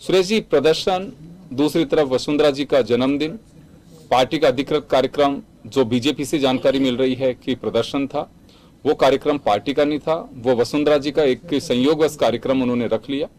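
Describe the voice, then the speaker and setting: A man's voice: medium pitch, normal speed, darkish tone. A man moderating a televised news debate as anchor, posing probing questions and cutting in on guests.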